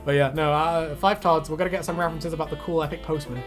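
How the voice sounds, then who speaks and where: This man has a fairly high, steady voice and talks fast. He's a YouTube host reacting to fan predictions, chatting casually and jokingly while rambling and swearing freely. Music plays behind him throughout.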